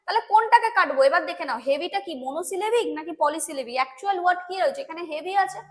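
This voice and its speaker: A woman's voice: extremely high pitch, animated, rapid-fire. A woman with a Bengali accent teaching English grammar for an exam, explaining patiently, repeating points and often checking that students understand. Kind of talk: exam-prep grammar lesson.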